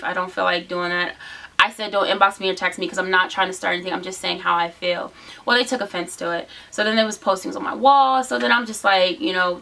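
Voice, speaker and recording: A woman's voice: medium pitch, pushed and bright, distant mic, low-quality recording. A woman talking casually in a personal vlog, emphatic and defensive as she recounts a dispute and quotes what people said. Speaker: vlogger.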